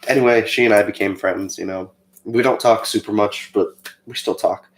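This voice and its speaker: Young guy rambling through a story, kinda low and gravelly, roomy echo. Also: moderate pace. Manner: chatty, rambling with fillers, animated when quoting himself. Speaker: co-host of a faith channel. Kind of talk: casual personal storytelling. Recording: echoey room.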